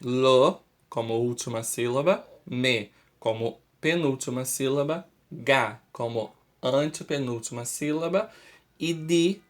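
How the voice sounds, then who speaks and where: A man with a Brazilian Portuguese accent teaching a Spanish lesson to school students, explaining slowly and often checking understanding with "ok?". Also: mid-range voice. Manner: slow and deliberate, checks understanding with "ok?".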